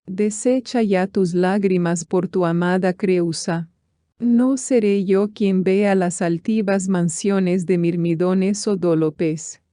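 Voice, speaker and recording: Sad ghost wife saying goodbye, slow and soft, read by a woman. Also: fairly low pitch, fairly even intonation, dry recording, studio quality. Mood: solemn, tender. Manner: solemn, consoling farewell. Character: ghost of a grieving young wife.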